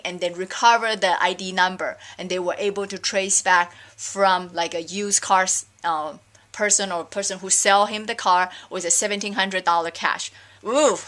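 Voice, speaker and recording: Here a middle-aged vlogger from Taiwan speaks in a mid-range, fairly bright voice. She rambles through a casual opinion rant, sounding exasperated and leaning on frequent fillers.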